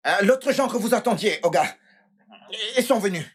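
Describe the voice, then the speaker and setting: Excited young house servant. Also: male voice, sits high, normal speed, a little hiss or hum. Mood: eager. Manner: excited, repetitive, calls boss Oga. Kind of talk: dubbed film acting.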